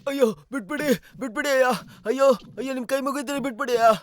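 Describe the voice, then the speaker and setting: A man's voice: very high-pitched, fairly even intonation, rapid-fire, fairly bright tone, faint music behind. An actor dubbing a man who wails and pleads while he is beaten. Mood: pleading. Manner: wailing, pleading.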